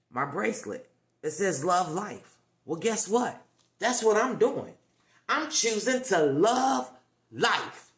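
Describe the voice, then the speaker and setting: A woman leads a motivational livestream talk, pressing her points home with repetition and little check-in questions to her viewers. Her voice sits in a middle register. The recording has a roomy echo around her. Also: medium pitch. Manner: emphatic, repetitive, coaxing with tag questions. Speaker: livestream host.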